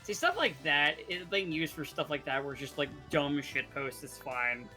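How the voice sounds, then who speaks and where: A man's voice: fairly high pitch, expressive, normal speed, bright, forceful tone, faint music behind. A man chatting casually as a fellow player, opinionated and sweary, often stumbling over his starts. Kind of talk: casual gameplay chat.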